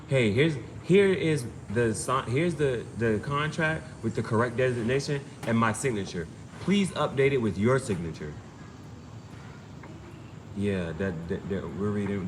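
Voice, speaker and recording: A man speaks at a moderate pace in a lowish voice while giving an informal spiritual reading. He's an amateur tarot reader and streamer, and his advice comes across as insistent, repetitive and emphatic. Background noise is obvious throughout.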